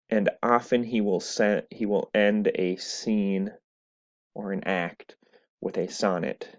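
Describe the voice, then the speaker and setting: A man's voice: fairly low pitch, a little mellow, lo-fi sound. A man teaching a recorded classroom lecture, explaining step by step and checking in with "right?". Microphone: webcam.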